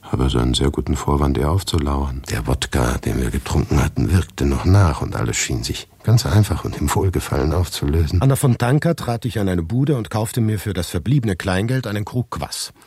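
Radio drama: a low-voiced, irritable writer narrating in first person, husky, measured, dry close sound. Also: male voice, expressive, darkish tone, no echo, exaggerated voice. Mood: brooding. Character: brooding, irritable male writer narrating his day.

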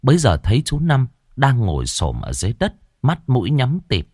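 A man narrating a rural ghost story with an expressive, dramatic delivery. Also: medium pitch, moderate pace, husky, dry recording, studio quality. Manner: expressive, rises and falls dramatically.

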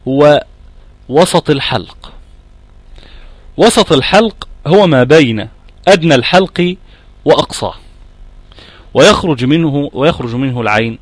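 A man's voice: fairly high pitch, no echo. A middle-aged man with an Egyptian accent teaching tajweed, explaining patiently, demonstrating sounds and checking that his students follow. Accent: Egyptian Arabic. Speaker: Quran recitation teacher. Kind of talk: tajweed lesson.

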